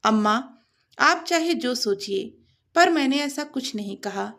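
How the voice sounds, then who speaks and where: A woman's voice: fairly high pitch, animated, a little slow, vocal fry, fairly bright tone, exaggerated voice. A woman voicing a hardworking young wife who speaks earnestly and holds herself back. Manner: earnest, restrained.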